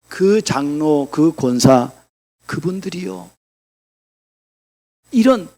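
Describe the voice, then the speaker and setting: High-voiced emphatic male pastor preaching. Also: vocal fry. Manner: emphatic, rhetorical questions to the congregation; swings between loud declarations and quiet asides. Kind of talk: sermon. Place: church.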